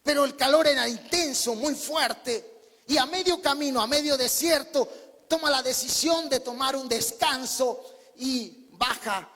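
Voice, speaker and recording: A man's voice: extremely high pitch, measured pace, pushed and bright. A male preacher, giving an emphatic storytelling sermon in a church hall.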